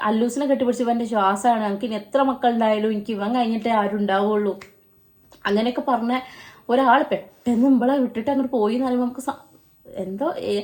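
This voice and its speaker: Young female family vlogger, rapid earnest delivery with broken-off restarts. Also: medium pitch, darkish tone. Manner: earnest, halting, with restarts and trailing pauses. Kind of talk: emotional personal storytelling.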